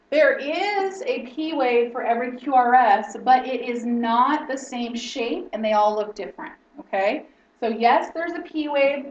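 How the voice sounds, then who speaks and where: A woman instructor teaching a lesson in lecture style, explaining step by step and often checking in with "okay?". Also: sits high. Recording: roomy, distant, dull lo-fi sound.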